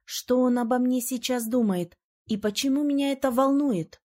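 Female audiobook narrator, expressive first-person reading, warm tone. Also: high voice, normal speed. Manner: expressive, emotional storytelling.

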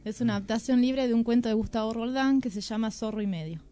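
A woman's voice: fairly high pitch, fast. A woman narrating a children's folk tale on the radio, telling it expressively from a studio. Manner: expressive, animated. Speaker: storyteller. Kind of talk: storybook narration.

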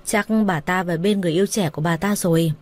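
A woman voicing a calm, shrewd man in his forties who speaks evenly and unbothered. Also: fairly low pitch, fast talker, no room sound, lightly acted.

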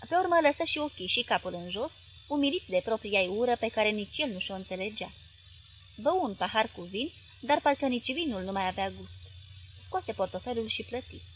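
A woman reads a literary novel aloud in a measured audiobook narration. Her voice sits a little high. A faint hiss runs beneath it. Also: expressive. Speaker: audiobook reader.

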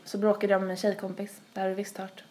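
A woman's voice: medium pitch, completely flat delivery, darkish tone. A young woman, rambling through a long story in casual podcast chat, full of fillers. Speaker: podcast host.

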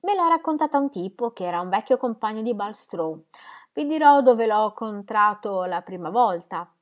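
A woman's voice: medium pitch, animated, moderate pace, voice pushed up, close to an everyday voice. A woman voicing a boastful, sarcastic male horse dealer who gossips with bluster.

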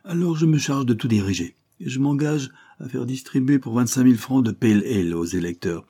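A man's voice: medium pitch, animated, a little fast, dark tone, voice pushed up. A man reading the lines of a domineering elder sister, insistent and scolding.

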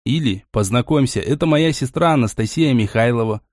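A male narrator voicing a flustered young man, the student hero, in a lower, quieter tone. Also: expressive, brisk, no room sound, studio quality, close to an everyday voice.

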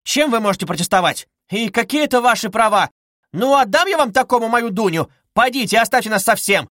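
A man's voice: very high voice, expressive, fairly quick, pushed and bright, no room sound, clean studio sound, voice pushed up, exaggerated voice. A man voicing an indignant older mother. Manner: agitated, exclaiming. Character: indignant older mother, quick to take offence.

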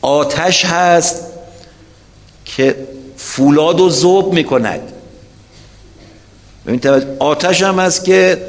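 A man tells a story during a religious lecture to his weekly congregation, pressing rhetorical questions straight on his audience. His voice is a little high, followed by a long reverb tail.

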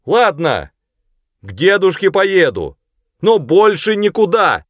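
A man's voice: fairly low pitch, animated, normal speed, no room sound. A man voicing a bold orphan boy who talks back in a ringing, defiant voice.

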